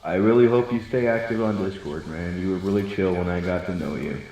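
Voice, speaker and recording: A man's voice: sits low, brisk, darkish tone, reverberant, faint music behind, poor audio. A young man chatting casually on a group call, teasing his friends.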